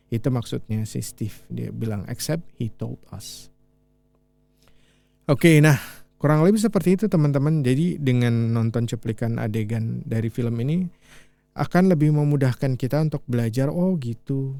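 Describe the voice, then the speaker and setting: A male teacher from Indonesia giving a casual language lesson, repeating lines slowly and then explaining them in relaxed, chatty speech. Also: medium pitch, gravelly. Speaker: English teacher.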